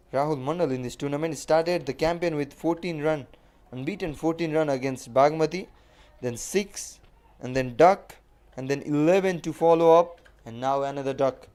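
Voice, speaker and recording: A man's voice: a little high, moderate pace, long pauses, darkish tone, smooth. A man giving live cricket commentary as the match commentator, repeating phrases for emphasis.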